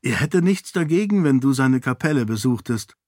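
A man reading an audiobook, voicing a determined young noblewoman who talks in a brisk, insistent way. The recording is dry. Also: mid-range voice, animated, darkish tone, no room sound, lightly acted. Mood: earnest. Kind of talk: audiobook character voice.

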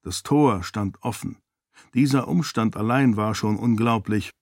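A man narrating an audiobook in a steady, measured reading. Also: fairly low pitch, dry recording, studio quality. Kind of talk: scripted narration.

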